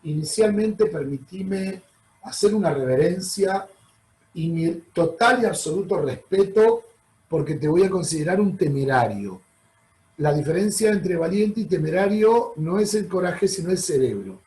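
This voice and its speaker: A man's voice: sits high, expressive, measured pace, darkish tone, low-quality recording. A man with a Rioplatense Spanish accent giving a chatty, explanatory travel talk over slides, often checking in with his audience. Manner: chatty, addresses audience as "chicos"; explanatory, frequent "¿ok?" check-ins. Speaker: travel presenter.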